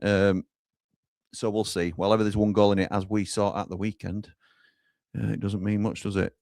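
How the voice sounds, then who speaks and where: A man hosts a live football watchalong in a low voice. He reads out viewer comments and hands over to reporters at the grounds. The sound is close and dry. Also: flat delivery, moderate pace, gravelly, a little mellow, no room sound. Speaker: watchalong host.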